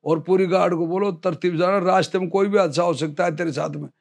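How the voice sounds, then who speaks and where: A man in his fifties, an army veteran, telling a story in an interview in a lively way and acting out what others said. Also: sits high, fast.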